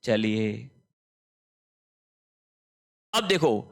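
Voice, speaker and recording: A man teaching an online lesson, explaining slowly, repeating words and checking that students understand. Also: lowish voice, sing-song, vocal fry. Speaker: Hindi teacher. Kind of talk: online exam-prep lesson.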